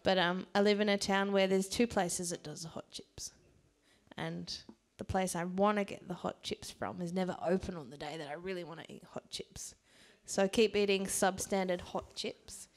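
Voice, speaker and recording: A woman's voice: fairly low pitch, steady tone, normal speed. A woman in her thirties with an Australian accent, chatting casually and self-deprecatingly between songs on a small barn stage, into a stand mic. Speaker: singer-songwriter. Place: small rustic barn venue with a live audience. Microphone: vocal mic on a stand.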